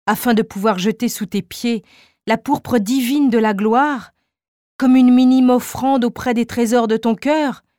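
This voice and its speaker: A woman's voice: a little high, fairly even intonation, a little slow, warm tone, no echo, studio quality, natural voice. A woman voicing a feverish, obsessed male chemist who declaims with rising fervor in an audiobook reading. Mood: exalted.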